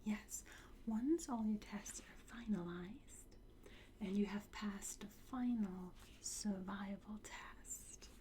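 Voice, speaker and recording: In an ASMR roleplay, a woman plays a calm, courteous trainer, whispering breathily and reassuringly right by the microphone in a mid-range voice. She speaks slowly and gently to the listener, with soft pauses and hums. The audio is poor, with noticeable background noise behind the close whisper.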